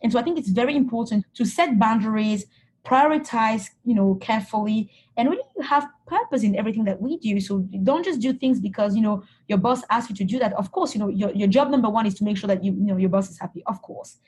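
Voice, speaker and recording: A woman's voice: a little high, fast, a little mellow, breathy edge. A woman from Cameroon, a guest in an interview, answering reflectively with frequent restarts and "you know" fillers.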